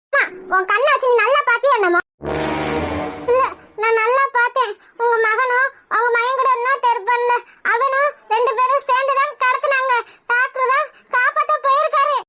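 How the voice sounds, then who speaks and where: A woman doing shrill squabbling village women. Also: sharp tone. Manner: shrill, rapid-fire bickering. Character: quarrelling village women, frantic mother and sharp-tongued neighbour.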